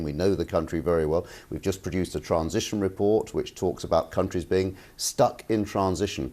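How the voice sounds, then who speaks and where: A man speaking as a guest in a television news studio, fluent, steady and explanatory. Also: low-pitched. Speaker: studio guest, bank communications director. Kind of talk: live studio discussion.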